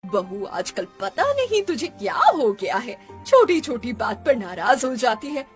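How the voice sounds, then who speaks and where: A patient older mother-in-law speaks gently and slowly to calm the family. It is a kids' cartoon with light music playing. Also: a little high. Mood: soothing. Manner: soothing, gentle. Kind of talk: animated cartoon voice acting.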